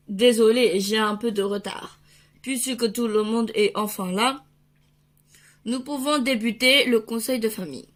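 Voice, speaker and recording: A woman reading a comic book aloud at an unhurried pace, switching between the characters and adding playful sound effects. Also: fairly high pitch, fairly bright tone.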